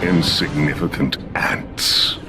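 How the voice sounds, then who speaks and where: Kang the Conqueror, slow grandiose villain. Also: male voice, rumbling low, fairly even intonation. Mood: gloating. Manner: pompous, theatrical, slow. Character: grandiose time-travelling male conqueror, gloating villain. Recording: loud music and effects behind.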